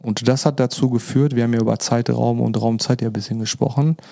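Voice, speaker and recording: A man speaks as a podcast guest, telling his own story in a loose, chatty way. His voice is low-toned and gravelly, with little rise and fall. He drops in fillers and acts out what people said. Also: fairly even intonation, fast talker, warm tone, dry recording, clean studio sound. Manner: informal, many fillers, acts out quoted dialogue. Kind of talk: personal storytelling in conversation.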